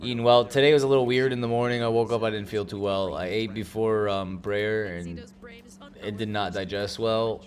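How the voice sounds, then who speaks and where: A man hosting a live-stream watch party, chatting casually and teasing with loud bursts of mock outrage. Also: lowish voice, little pitch movement, normal speed.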